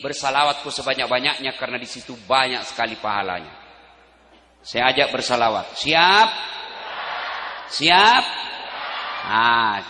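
A man's voice: on the high side, bright, forceful tone, reverberant, in a large hall. A man preaching a sermon to an open-air crowd, joking and calling out to the audience. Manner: joking, addresses the crowd directly. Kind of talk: Islamic sermon. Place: open-air field gathering.

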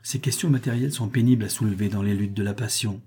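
A man reads a novel aloud in measured, expressive narration. His voice sits low, with a dark and slightly husky tone that gives the prose a soft grain. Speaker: audiobook reader.

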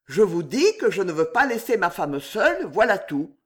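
A man reading an audiobook, voicing a scheming newlywed gentleman who speaks in a smooth, confident, persuasive way. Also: high-pitched, sing-song, moderate pace. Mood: assured.

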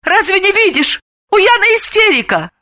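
Woman doing a brisk, bossy young woman. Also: fairly high pitch, big pitch swings, a bit bright, no room sound, studio quality, voice pushed up. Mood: commanding. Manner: firm, commanding.

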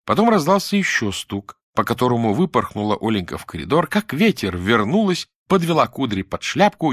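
A man narrating an audiobook with an expressive, dramatic reading. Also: lowish voice, no room sound, clean studio sound.

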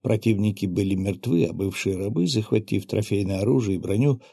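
Male audiobook narrator, dark and low, even first-person reading. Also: fairly quick, gravelly, breathy edge, dry recording, clean studio sound. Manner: steady, even storytelling.

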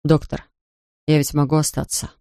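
A narrator voicing a grieving father who talks softly, slowly and tenderly to his daughter. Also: completely flat delivery, clear, resonant tone, dry recording, clean studio sound, lightly acted. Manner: soft, low and slow, pleading. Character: grieving gentle father, a big man. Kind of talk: audiobook character voice.

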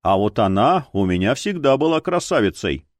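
A man's voice: medium pitch, sing-song, moderate pace, no room sound, lightly acted. An easygoing aging cook, voiced by a male narrator, bantering and defending himself with a drawl. His talk is joking and self-deprecating, recorded close and dry.

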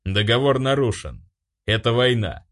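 A man reading an audiobook voices a male angel warrior who speaks slowly, coldly and indifferently, in a commanding tone. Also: medium pitch, expressive, fairly bright tone. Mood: solemn. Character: cold, solemn male winged angel warrior.

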